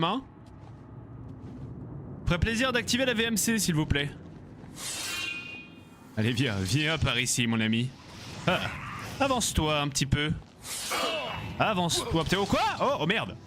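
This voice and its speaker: A man's voice: sits high, sing-song, moderate pace, pauses often, background noise. A man giving casual let's-play commentary, joking, swearing often and bantering with the game's characters. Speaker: gaming streamer. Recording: game music loud behind the voice.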